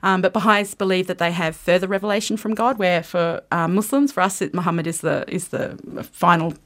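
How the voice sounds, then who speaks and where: Fast-talking Australian woman. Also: fairly low pitch, steady tone, fairly bright tone. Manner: quick, articulate, laughs readily. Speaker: guest, author and researcher. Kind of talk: casual radio discussion.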